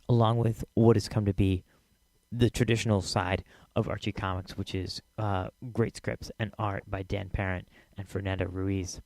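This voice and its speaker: A man runs his podcast solo, speaking in a somewhat low, slightly mellow voice with no echo. His talk is casual and full of fillers and repeats, and his voice grows scratchy as he loses it.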